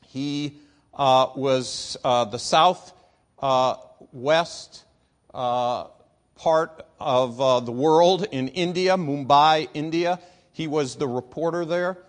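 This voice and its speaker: A man preaching a sermon, telling a personal story in an earnest, pausing way that swings from restrained to emphatic. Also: medium pitch.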